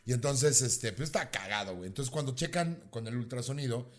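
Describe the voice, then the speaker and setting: A man's voice: medium pitch, brisk. Man, Mexican accent, 30s, podcast host, casual comedic chat, crude, swears, laughs often.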